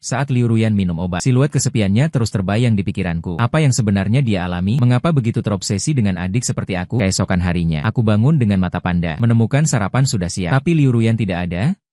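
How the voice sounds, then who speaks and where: Quick, mellow male story narrator. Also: on the low side, lively intonation, dry recording, clean studio sound.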